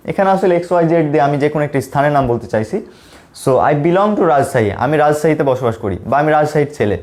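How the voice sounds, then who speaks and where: A man's voice: fairly high pitch, darkish tone. Man teaching spoken English. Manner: explains in Bengali, reads English examples slowly and repeats them.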